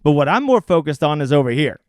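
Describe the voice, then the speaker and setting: A man's voice: fairly high pitch, big pitch swings, fast, no room sound. A man casually breaking down fantasy golf picks on a livestream, crude and joking. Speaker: fantasy sports analyst.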